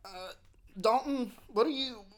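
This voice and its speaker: A young man from Kentucky co-hosting a podcast, laid-back and halting in casual chat. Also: extremely high pitch, a bit bright. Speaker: podcast co-host.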